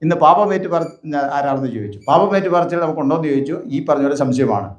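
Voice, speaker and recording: A man's voice: on the high side, expressive, fast talker, lo-fi sound. A man preaching a sermon as a bishop, asking rhetorical questions and answering them himself. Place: large echoing church. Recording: roomy church echo.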